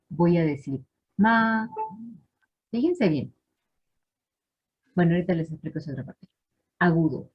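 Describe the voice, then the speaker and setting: A woman teaches a live online class, patiently checking in with her students. Her voice sits low and sounds somewhat husky. The audio is dull and lo-fi, like a computer mic on a video call. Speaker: language teacher.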